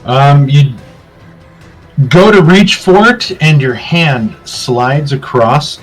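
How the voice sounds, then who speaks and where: A man narrating a tabletop game as game master, describing scenes in a relaxed way with filler ums. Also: a little high, slow pace, faint music behind, poor audio.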